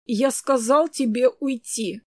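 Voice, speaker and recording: A woman voicing a protective older brother who speaks firmly without shouting, in a read-aloud story. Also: sits high, takes it slowly, dry recording, full character voice. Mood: stern. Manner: firm, calm, commanding. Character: firm protective older brother, young man.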